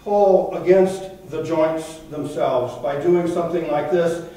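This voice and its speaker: A man's voice: a little high, takes it slowly, dark tone, a little hiss or hum. A man in his sixties, a fitness trainer earnestly explaining a workout step by step, recorded in an indoor gym. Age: 60s. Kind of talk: instructional demonstration. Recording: very echoey gym from far off.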